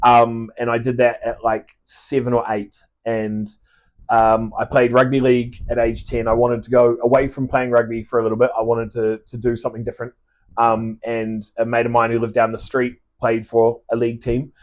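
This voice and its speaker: A man's voice: mid-range voice, monotone, normal speed. A man in his thirties from Australia with a mixed Australian and New Zealand accent, chatting as a podcast guest and rambling with restarts and swearing. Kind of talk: casual chat.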